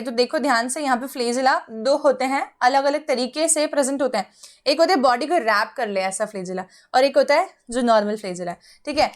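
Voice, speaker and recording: High-pitched indian lady teacher, switches hindi and english, explains step by step to the class. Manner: mixes Hindi and English, explains step by step, addresses students directly. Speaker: biology teacher. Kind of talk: online exam-prep lecture.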